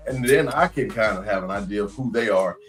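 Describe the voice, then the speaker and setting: A man's voice: on the low side, brisk, faint music behind. A man hosting a live podcast, talking casually and reading out viewer comments. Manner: relaxed, conversational, reads out comments. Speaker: podcast host. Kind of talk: casual live-stream talk.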